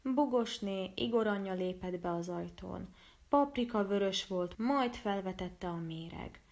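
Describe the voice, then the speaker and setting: Female storyteller, measured storybook reading, mid pitch. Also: darkish tone. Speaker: storyteller and illustrator. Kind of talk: storybook narration.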